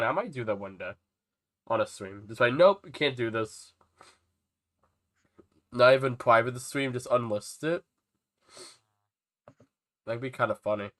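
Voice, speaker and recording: A man's voice: medium pitch, a bit bright. A young man chatting casually on a live game stream, with a stuffy, nasal voice as if he is about to sneeze. He rambles to his viewers and talks to the creatures in his game. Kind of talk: casual live-stream chat while playing.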